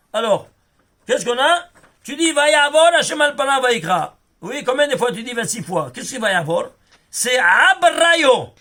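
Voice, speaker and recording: A man with a notably high-pitched voice teaches a small group in a casual Torah class. He explains in an animated way and often stops to ask if everyone has understood. He sounds like a rabbi among his students. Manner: animated explainer who keeps checking if students follow.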